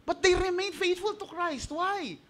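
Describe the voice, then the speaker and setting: A Filipino-accented male pastor delivers an animated sermon in a high, bright voice. He mixes Tagalog with English and acts out the voices he quotes. His tone is clear and forceful. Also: measured pace, a little hiss or hum.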